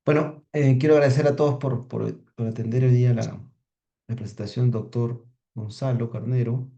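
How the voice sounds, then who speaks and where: A man hosting a technical webinar over a video call, introducing the speaker in a halting way with many repeated words. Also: medium pitch, fairly even intonation, vocal fry, dark tone, lo-fi sound. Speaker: webinar host.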